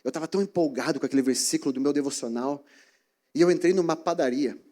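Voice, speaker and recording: A man preaches in a church. His voice sits high for a man. He tells his stories in an animated way, acting out each scene as he goes. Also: fast. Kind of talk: sermon.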